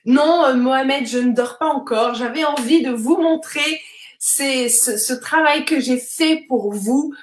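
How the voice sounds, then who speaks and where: A woman teaching a live online lesson, her voice pitched a little high and her pace unhurried. She explains patiently, with plenty of fillers and friendly tag questions. The recording has a noticeably roomy echo. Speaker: French teacher. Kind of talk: live-streamed vocabulary lesson, reading viewer comments.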